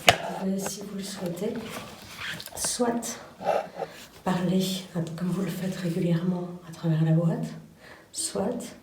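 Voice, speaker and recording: Woman ghost hunter in a cellar, soft polite questions, lots of thank-yous, very echoey and far from the mic. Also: fairly low pitch, slow pace, long pauses. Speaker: paranormal investigator. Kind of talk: spirit-box session, questioning a presence. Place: cellar of a derelict house. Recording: echoey cellar, distant mic, noisy background.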